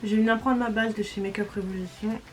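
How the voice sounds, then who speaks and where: A woman's voice: mid-range voice, fairly even intonation, fast, loud music behind the voice, low-quality recording. A woman, casually talking through each step of a makeup tutorial. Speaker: beauty vlogger.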